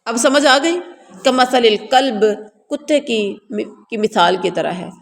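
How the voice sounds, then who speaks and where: A woman's voice: a little high, animated. A woman teaching a word-by-word translation lesson to a class, explaining, repeating words and quizzing her listeners. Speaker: Quran teacher. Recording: long reverb, faint ambient noise.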